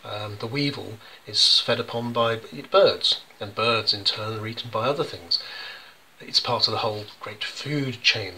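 English poet guy talking thru his drawings, lots of ums, bright voice, little hiss behind. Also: lowish voice, low-quality recording. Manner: chatty, many ums and restarts. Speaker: children's poet and illustrator. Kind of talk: casual explanatory demonstration.

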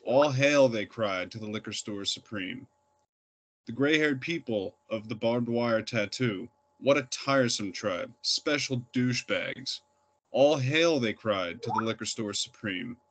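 A young man reads his own poems aloud at an open reading, plain and unpolished, dropping fillers between pieces. His voice sits fairly low and a bit bright, and he keeps a measured pace.

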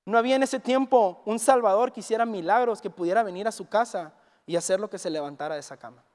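A man speaking fast in a high voice, with a Mexican Spanish accent, delivers a Sunday sermon in a church hall where the sound echoes. Telling a story with lots of animation, he performs each character's lines aloud.

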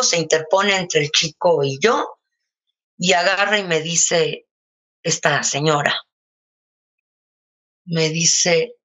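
A woman's voice: lowish voice, highs cut off. Older Mexican woman telling a story. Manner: lively anecdotal telling with many fillers. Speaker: interview guest. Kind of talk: casual storytelling in an interview.

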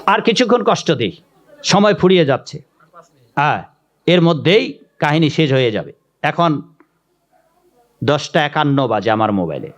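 A male preacher with a fairly high voice tells a religious folk tale as a sermon. He is animated, stops to comment to his audience, and slips into the characters' voices as he goes. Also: moderate pace, long pauses.

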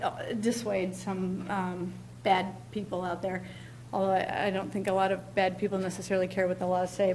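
A middle-aged woman gives a keynote at a podium in a large lecture hall, her mid-range voice emphatic as she repeats key words and says "um" often. The podium mic is heard from far back, with a little hiss or hum.

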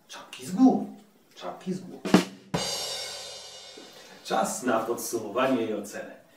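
A man's voice: medium pitch, a little hiss or hum. Male host, chatty playful review, far from the mic in a very echoey room. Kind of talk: casual video review.

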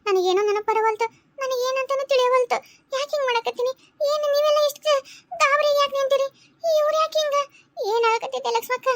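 A woman's voice: very high voice, a little fast. A woman with a North Karnataka Kannada accent voicing a bewildered young village wife in a cartoon, talking in plaintive questions. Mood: confused. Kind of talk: cartoon voice acting.

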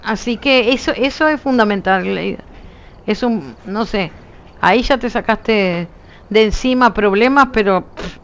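A woman's voice: medium pitch, measured pace, lo-fi sound, a little hiss or hum. A woman with a Uruguayan accent, chatting casually with her viewers as a streamer, emphatic and insistent, her voice nearly gone. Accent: Uruguayan Spanish. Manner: emphatic, talks with her hands in her voice, frequent "¿viste?". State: nearly lost voice.

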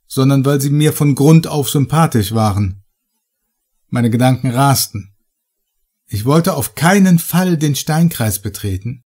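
A man reading a horror story aloud in measured, dramatic, scripted narration. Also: medium pitch, darkish tone. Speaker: audiobook narrator.

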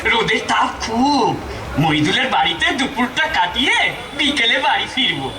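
A man's voice: extremely high pitch, sing-song, normal speed, exaggerated voice. A man playing a chatty, easygoing village traveller puppet in a folk-tale show. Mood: friendly, chatty. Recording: echoey, distant, noisy with crowd.

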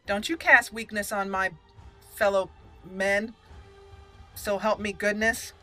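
A gaming channel host chats playfully through a casual roleplay game commentary, talking to the characters as she plays. Her mid-range voice moves slowly with fairly even intonation, and music plays in the background.

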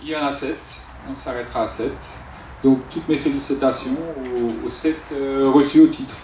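A man's voice: medium pitch, steady tone, moderate pace. A man announcing award winners at a stand mic in an event tent, calling out names with a raised voice. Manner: reads names, raising his voice. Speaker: awards presenter. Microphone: stand mic, filmed from afar. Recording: echoey, distant, loud crowd noise.

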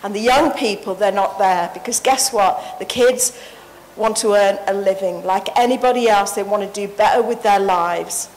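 A woman's voice: mid-range voice, moderate pace, poor audio. A woman, giving an earnest, passionate conference talk into a handheld mic on a stage. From Sri Lanka. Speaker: conference paper presenter. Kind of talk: conference presentation.

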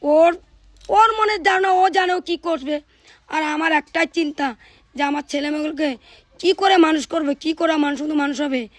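A woman's voice: high voice, moderate pace, no room sound. A woman in her thirties, a mother of three, narrating her household chores in a chatty way that speaks straight to her viewers. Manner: chatty, addresses viewers directly. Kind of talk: casual household vlog narration.

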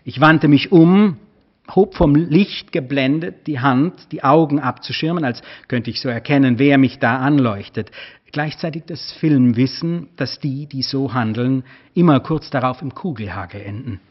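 A man, an author, reading his own prose aloud in a measured, expressive way during a lecture, on a dull, lo-fi recording. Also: mid-range voice.

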